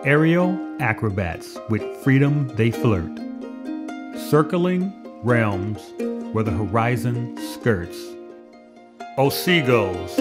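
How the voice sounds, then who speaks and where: A man reciting a short ode in a slow, solemn, lowered voice over music. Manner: slow and solemn, dropping low. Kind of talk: slow, lofty poetic recitation.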